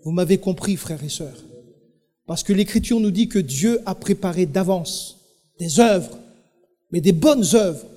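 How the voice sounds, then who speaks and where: A male pastor with a French Caribbean accent preaching to his congregation. He tells the story emphatically, speaking right to the listeners. His voice is high for a man and rings out with a long hall reverb. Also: expressive, a little slow, mellow. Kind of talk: sermon.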